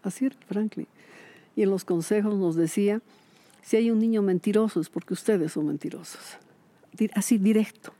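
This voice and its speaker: A woman, a retired teacher chatting in an interview and telling lively stories. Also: mid-range voice, normal speed, dry recording. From Bolivia. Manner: lively storyteller, acts out quoted voices, laughs often. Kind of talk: casual interview chat.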